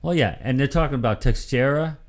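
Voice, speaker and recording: A man's voice: medium pitch, fairly quick. Man, sports talk host, rambling storyteller, casual chat. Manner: rambling storyteller, acts out quotes.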